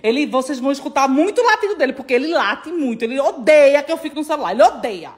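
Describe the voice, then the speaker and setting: A woman's voice: high-pitched, animated, quick pace. A middle-aged woman, chatting affectionately to her followers in a casual phone vlog, repeating herself and laughing. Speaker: social media influencer.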